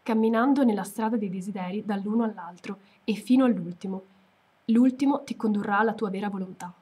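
A woman's voice: medium pitch, dark tone, breathy edge, natural voice. A woman reading as a grave old lion. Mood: solemn. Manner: grave, measured. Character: wise solemn male lion of the desert.

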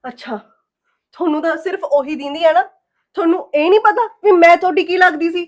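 An actress playing a young wife betrayed by her husband, tearful and pleading, sharp-tongued with him. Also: high voice, brisk, natural voice. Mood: bitter. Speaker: wronged first wife.

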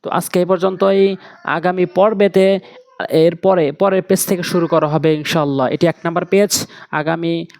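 A man's voice: high-pitched, steady tone, moderate pace, gravelly, darkish tone, no echo. A man teaching Quran recitation, repeating each letter sound several times and explaining where the tongue and lips go. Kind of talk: slow instructional demonstration.

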